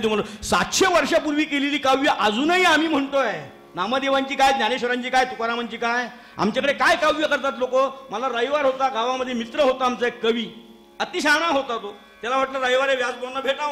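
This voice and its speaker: A man from Maharashtra leading a kirtan, telling funny stories as a sermon, chuckling and speaking straight to his listeners in a temple hall. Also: very high voice. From Maharashtra, India. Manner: lively storyteller who addresses the audience directly and chuckles at his own jokes. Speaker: kirtan preacher. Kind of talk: humorous storytelling sermon. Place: temple hall, performing live before listeners.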